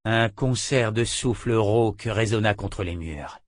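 A man narrating an audiobook in a measured, even storytelling manner. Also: lowish voice, no echo, studio quality.

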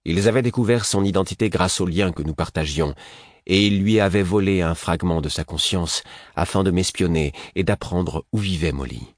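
A man narrates a first-person audiobook in a very low, deep voice. The delivery is measured and grave. The sound is dry and close, with no room echo.

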